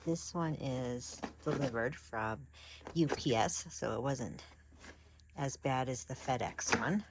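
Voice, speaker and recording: On camera, a woman who runs a crafting channel opens boxes of supplies and gasps and raves about each piece. She speaks slowly in a bass voice, excitable and chatty with frequent restarts, and there's noise behind her.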